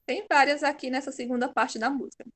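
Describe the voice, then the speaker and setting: A woman's voice: sits high, steady tone, quick pace, a crowd in the background. A Brazilian woman teaching an online class, patient and encouraging, praising her pupils by name. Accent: Brazilian Portuguese.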